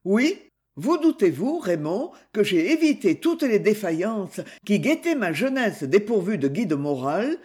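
A man's voice: sits high, sing-song, unhurried, darkish tone. Man reading as a proud, fervent young woman. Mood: grave, fervent. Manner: grave and fervent.

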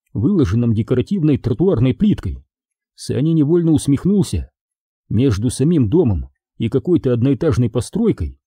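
Dark husky male narrator. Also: medium pitch, dry recording, clean studio sound. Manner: expressive storytelling. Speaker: audiobook narrator. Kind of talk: scripted narration.

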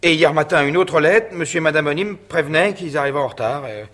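An actor playing a frightened, deferential butler who stammers in a 1970s radio drama. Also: male voice, a little high, fast, a bit bright, natural voice. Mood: nervous. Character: frightened middle-aged male butler Roger.

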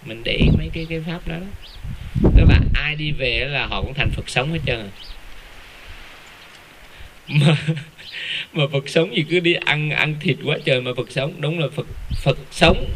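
Brief: male lay Buddhist speaker, bright tense tone, lively rhetorical delivery, faint background hiss. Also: mid-range voice. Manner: animated, rhetorical questions, joking asides. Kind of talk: casual Dharma talk.

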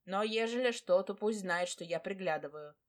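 A woman's voice: mid-range voice, moderate pace, natural voice. A woman voicing a fussing, loving old nanny who speaks in a doting, folksy way.

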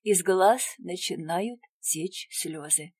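A woman narrating a first-person audiobook in a quiet, tense, measured voice. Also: fairly low pitch, husky, no echo, studio quality.

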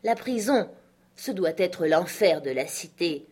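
A woman's voice: lowish voice, husky. Woman reading a classic novel. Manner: measured, expressive. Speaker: audiobook narrator. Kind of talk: literary audiobook reading.

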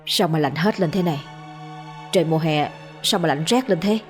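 A woman's voice: lowish voice, moderate pace, darkish tone, soft background music, lightly acted. A woman voicing a worried middle-aged village husband who presses his wife with anxious questions, in a ghost story reading.

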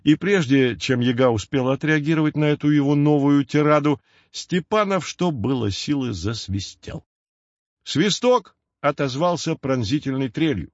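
A man narrating a fairy tale audiobook with expressive storytelling. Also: on the high side, moderate pace, dry recording. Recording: dull lo-fi dry recording.

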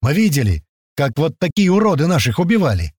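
A man's voice: on the high side, big pitch swings, husky, dry recording, studio quality, pitched above the performer's own voice. A man reading an audiobook, voicing a tense young stranger who flares up in anger. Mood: hostile. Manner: defensive and quick to flare up. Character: jumpy, hostile armed young man, stranger. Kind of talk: audiobook character voice.

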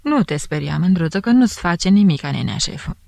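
A woman voicing a smug, flirtatious middle-aged police chief who coaxes and drops into hushed asides. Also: on the low side, animated, gravelly, no echo. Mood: coaxing. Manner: sly coaxing, slipping into hushed asides.

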